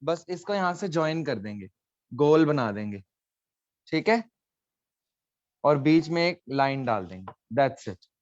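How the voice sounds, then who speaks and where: A man's voice: a little high, expressive, a little slow, pauses often, no echo, lo-fi sound. A man teaching a live online class, explaining letters patiently and coaxing students, dropping in English phrases.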